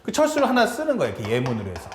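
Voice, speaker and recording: A man teaching math in a lively lecture and acting out characters' lines as he explains. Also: fairly high pitch, very fast. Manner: animated, acts out characters' lines in quotes. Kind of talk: lively lecture with acted-out family dialogue. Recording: echoey room with clear background noise.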